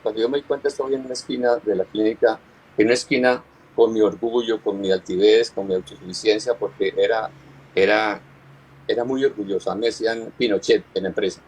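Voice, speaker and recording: A pastor giving an earnest personal testimony, often halting and repeating his words as he recounts. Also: fairly low pitch, steady tone, a little mellow, slightly rough, rough recording.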